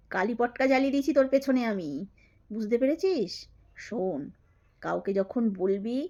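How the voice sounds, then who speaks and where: A woman's voice: a little high, a little mellow, highs cut off. A woman, taunting and scolding a rival creator in a callout video, repeating her jabs. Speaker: YouTube creator. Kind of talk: angry callout monologue to camera.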